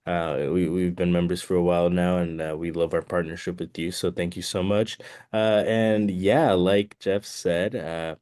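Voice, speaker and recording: Low, muffled-voiced man, under the weather. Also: steady tone, normal speed, darkish tone, dry recording, clean studio sound. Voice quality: slightly muffled. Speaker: guest presenter, balcony inspection company representative. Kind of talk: webinar slide presentation.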